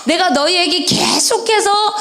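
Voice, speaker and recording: A woman's voice: very high voice, a little slow, a bit bright, reverberant, voice pushed up. A woman preacher voicing God as an exasperated, insistent father who urges his people to obey. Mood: exasperated urging. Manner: scolding, urging obedience.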